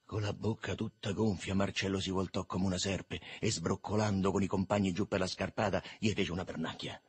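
A man reading a literary novel aloud in a lively, expressive way. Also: sits low, fairly quick, husky. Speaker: reader.

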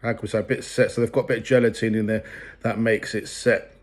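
A man's voice: lowish voice, level tone, quick pace. A man in his forties doing a casual product review at home, chatty and full of ums and restarts. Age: 40s. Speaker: food reviewer.

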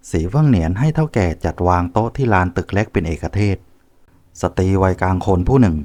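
Man, very low voice, audiobook narration, steady measured reading. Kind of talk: scripted narration of a translated novel.

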